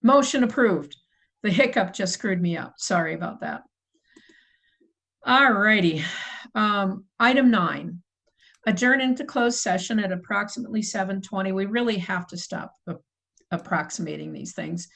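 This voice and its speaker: Middle-aged woman, committee chair, procedural agenda reading on a video call, mid pitch. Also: animated, moderate pace, creaky, a bit bright, low-quality recording. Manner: procedural, apologetic, self-correcting. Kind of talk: formal meeting chairing.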